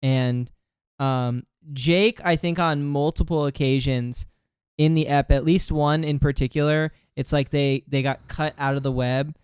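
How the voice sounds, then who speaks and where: A man guesting on a casual podcast, talking in an excitable, rambling way on a close mic. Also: fairly high pitch, a little slow, clear, resonant tone, no room sound.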